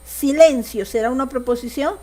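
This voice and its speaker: A woman's voice: high voice, normal speed, dark tone. A woman teaching a secondary school logic lesson, often checking that the class follows. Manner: asks the class frequent check questions.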